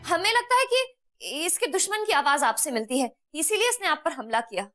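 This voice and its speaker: An actress playing a timid court maid who stammers and pleads before an emperor. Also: female voice, very high voice, sing-song, brisk, bright, forceful tone, soft background music, exaggerated voice. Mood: pleading. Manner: stammering, deferential. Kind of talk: TV comedy acting.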